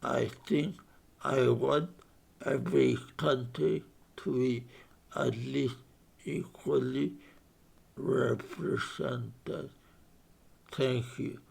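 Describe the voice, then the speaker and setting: A man in his fifties with a speech impairment introduces himself in short, halting phrases. His delivery is very slow, his voice gravelly and husky. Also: medium pitch, fairly even intonation, a little mellow. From Spain. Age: 50s. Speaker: board candidate.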